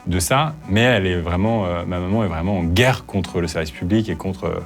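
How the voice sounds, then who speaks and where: Over faint background music, a low-pitched man talks fairly quickly while hosting his video channel. Answering interview questions casually, he sounds a bit nervous, candid and hesitant, with lots of fillers and restarts.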